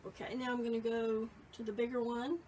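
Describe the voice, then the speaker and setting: A woman's voice: a little high, flat delivery, brisk, a little mellow, distant mic, slight background noise, rough recording. A woman in her late fifties giving a casual, chatty painting lesson and reading viewer comments as she works. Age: 50s. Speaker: painting instructor. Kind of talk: live painting tutorial.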